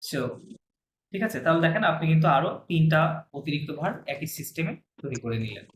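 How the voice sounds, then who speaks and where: A man's voice: fairly high pitch, expressive, quick pace. A man teaching a language class, patiently repeating words for his students to copy. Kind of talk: classroom lesson. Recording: echoey room, faint hiss.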